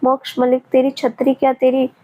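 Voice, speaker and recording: A woman's voice: sits high, monotone, moderate pace, warm tone. A woman voicing a young man, a loyal joking friend, in a storybook reading, on a tinny, phone-like recording.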